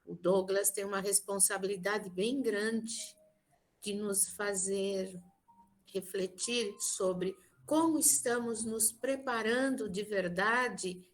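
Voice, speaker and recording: A woman with a Brazilian Portuguese accent opening an online spiritual meeting as host, with gentle, welcoming words. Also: medium pitch. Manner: gentle, welcoming, addresses listeners affectionately.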